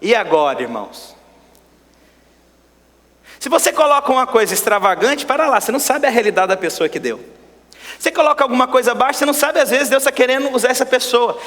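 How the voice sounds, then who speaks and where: Pastor guy preaching, high voice, gets loud then goes real quiet, big echoey church. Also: very animated, quick pace, pauses often. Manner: emphatic preaching, swings between loud exclamations and hushed asides. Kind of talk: sermon. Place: church sanctuary. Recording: long church-hall reverb.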